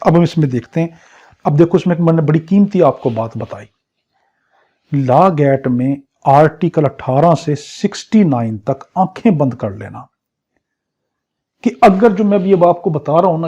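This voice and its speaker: Husky and a little mellow, with a pitch on the high side, this Pakistani-accented man teaches law in an exam crash course, drilling material by repeating it and posing rhetorical questions. The recording is lo-fi, dull and muffled.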